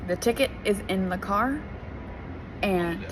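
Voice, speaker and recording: Woman, late twenties, travel vlogger; mid-pitched, chatty, over clear background noise. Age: late 20s. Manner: chatty, quick asides. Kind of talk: casual travel vlog. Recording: noisy public places.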